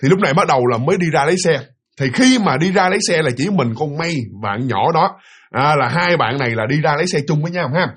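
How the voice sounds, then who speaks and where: A man with a Southern Vietnamese accent narrates a ghost story in a husky, fairly high voice. His pitch swings widely and he races along, talking straight to his listeners like a friend. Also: expressive, quick pace, fairly bright tone. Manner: chatty, addresses listeners directly.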